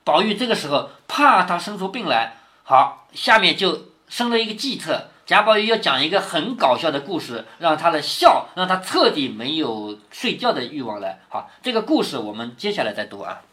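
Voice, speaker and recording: A man's voice: a little high, big pitch swings, moderate pace, bright, forceful tone. A man reading a classic novel aloud to his daughter, stopping to explain passages and ask her questions. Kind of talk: storytelling with commentary.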